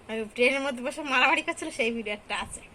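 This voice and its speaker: A young woman narrating a casual family vlog in a chatty way, talking softly to her young son at times. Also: sits high, racing, slight background noise. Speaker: family vlogger.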